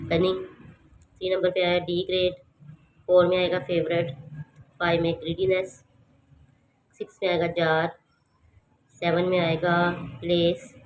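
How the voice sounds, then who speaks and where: A lower-pitched woman teacher with a Pakistani accent works through a children's English exercise. She reads each line slowly and carefully, then explains it in a plain, repetitive teaching manner. A faint hiss of noise sits under her voice. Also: rough recording. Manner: steady, repetitive teaching, spells words letter by letter.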